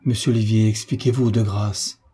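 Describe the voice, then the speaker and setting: A man with a husky voice voicing an anguished, proud young woman in an audiobook, speaking in a trembling, pleading way. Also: on the low side, fairly even intonation, moderate pace, warm tone. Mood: anxious. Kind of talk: audiobook character reading.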